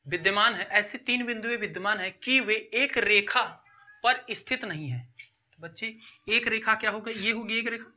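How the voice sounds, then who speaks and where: A man's voice: high-pitched, moderate pace, sharp tone. A man teaching a school maths lesson step by step, often repeating himself and checking in with his students. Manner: addresses students as children, repeats and checks with "theek hai". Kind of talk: classroom-style maths lesson.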